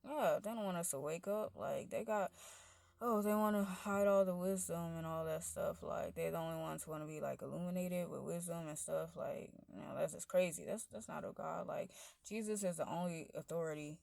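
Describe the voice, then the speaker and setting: Speaking at a moderate pace with a creaky voice and no room sound, a deep-voiced woman wanders through a casual monologue. She pads each phrase with "like" and "you know" while her pitch and loudness shift about.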